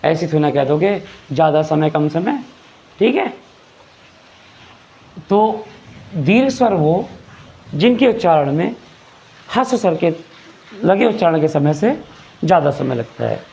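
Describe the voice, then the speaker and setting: A man's voice: a little high, big pitch swings, a little slow, gravelly, pauses often, dark tone. A man teaching a grammar lesson, explaining patiently, repeating phrases and asking rhetorical questions. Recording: dull lo-fi recording.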